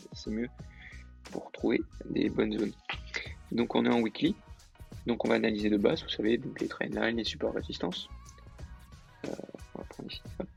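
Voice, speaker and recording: Man, casual lesson, hesitant, monotone, music in the background. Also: medium pitch, vocal fry. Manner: hesitant, many fillers and self-corrections. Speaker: trading tutor. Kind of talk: casual screen-recorded lesson.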